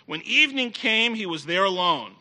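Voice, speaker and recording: Very animated and speaking at normal speed, a middle-aged preacher addresses the congregation in front of him. His high, piercingly bright voice pushes each point with emphasis, returning again and again to key phrases.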